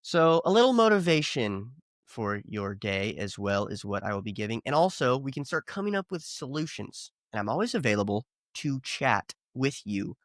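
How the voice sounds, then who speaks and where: A man hosting a political podcast, delivering a combative, ranting monologue that rises to near-shouting. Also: medium pitch, big pitch swings, moderate pace, dry recording, clean studio sound. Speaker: podcast host.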